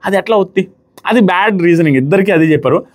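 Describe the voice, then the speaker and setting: A man giving casual, animated commentary on a reality show and acting out the contestants' quoted lines. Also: sits high, quick pace.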